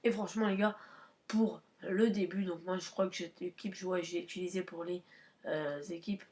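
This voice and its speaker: A woman's voice: fairly low pitch, steady tone, normal speed, darkish tone. A woman hosting a gaming channel, giving casual, slangy gameplay commentary with lots of fillers and restarts. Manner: hesitant, many fillers and restarts; slangy, chatty, addresses viewers as guys.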